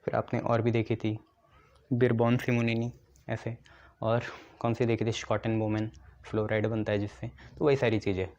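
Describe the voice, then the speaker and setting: A man's voice: lowish voice, monotone, normal speed, darkish tone. A male chemistry teacher giving a lesson and building memory tricks step by step, often asking his own questions and answering them. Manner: explains step by step, often checks "ठीक है". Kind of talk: classroom lecture with memory tricks. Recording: dull lo-fi recording.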